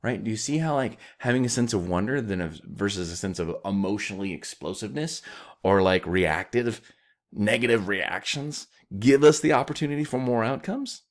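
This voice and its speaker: A man's voice: lowish voice, moderate pace. A man giving a casual recorded lecture, talking conversationally with many fillers and acting out quoted exchanges. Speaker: instructor.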